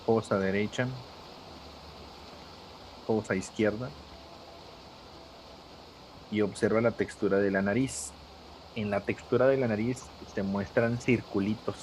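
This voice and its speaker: A man's voice: on the low side, steady tone, a little slow, long pauses, a little mellow, slight background noise, low-quality recording. A man teaching a live drawing class, patient and step by step, calling on students by name.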